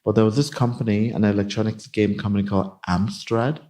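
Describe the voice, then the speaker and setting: A man in his fifties from Nigeria, a company executive answering interview questions in a measured, explanatory way. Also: on the low side, steady tone, a little mellow. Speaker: guest, company CIO. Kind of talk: casual interview.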